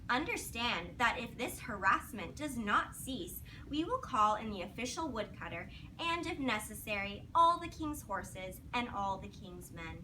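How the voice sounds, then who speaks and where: A woman teacher reads aloud to young children in a classroom, asking simple questions and offering praise, her voice fairly high, sing-song, pushed and bright. She speaks a little slowly with few pauses. The distant mic picks up a noisy room.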